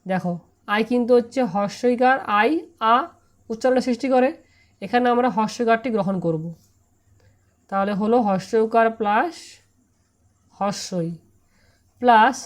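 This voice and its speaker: A woman with a Bengali accent teaching English pronunciation in an online lesson, spelling out letters and repeating each syllable slowly. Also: a little high.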